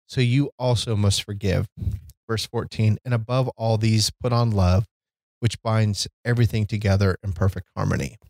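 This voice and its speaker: A man's voice: on the low side, steady tone, normal speed, darkish tone, no room sound. A man co-hosting a podcast, talking earnestly and reflectively about fatherhood and forgiveness, reading scripture aloud. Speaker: podcast co-host. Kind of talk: casual faith-based discussion.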